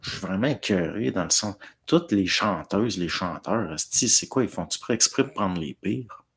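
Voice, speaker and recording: A man's voice: deep voice, expressive, moderate pace, gravelly, a bit bright, slightly rough. A man with a Quebec French accent, rambling casually as he answers viewers and tacks a drawled "là" onto his phrases. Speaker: host.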